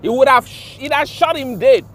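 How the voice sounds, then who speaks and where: Fired-up Nigerian man, fairly high voice. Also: expressive, normal speed, a bit bright. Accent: Nigerian, mixing Pidgin and English. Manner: impassioned and indignant, swears, repeats himself for emphasis. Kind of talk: ranting vlog monologue.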